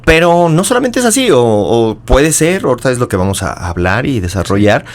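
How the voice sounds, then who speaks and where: A man's voice: mid-range voice, sing-song, fairly quick. A middle-aged man, hosting a casual interview, joking and asking long, rambling questions. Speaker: podcast host.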